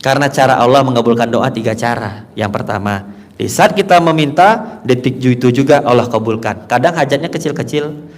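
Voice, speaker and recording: A man preaching a sermon to a crowd, swinging from hushed, low lines to loud, high ones. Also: expressive, brisk. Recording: long hall reverb.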